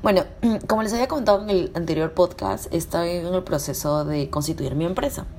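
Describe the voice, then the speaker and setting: A woman with a Peruvian accent and a hoarse, throaty, sick-sounding voice, talking casually as a podcast host sharing practical information. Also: fairly low pitch, brisk, a little mellow. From Peru. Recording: clear background noise.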